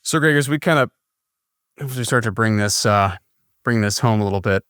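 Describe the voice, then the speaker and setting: A man hosting a podcast, talking in a relaxed, conversational way. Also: on the low side, brisk, smooth, no room sound, studio quality. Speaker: podcast host. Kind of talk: casual interview chat.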